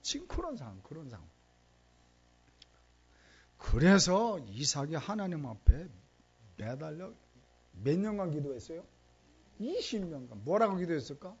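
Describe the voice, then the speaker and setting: A man's voice: fairly high pitch, big pitch swings, unhurried, long pauses, husky, dull audio. An older man preaching a sermon as a pastor, acting out prayers and asking the congregation questions.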